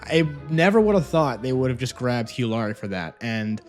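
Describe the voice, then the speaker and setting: Very animated and talking at normal speed in a medium pitch, a man gushes through a casual audiobook review for his video channel. He's in a home office using a separate microphone and a phone camera, and music runs underneath.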